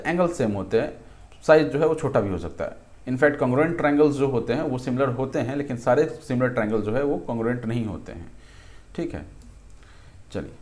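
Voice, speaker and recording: A man's voice: medium pitch, a little mellow. A man teaching a physics lesson in a conversational way, often checking in with questions and correcting himself as he works through it. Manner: thinks aloud, restarts and self-corrects. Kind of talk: explaining a lesson at a board.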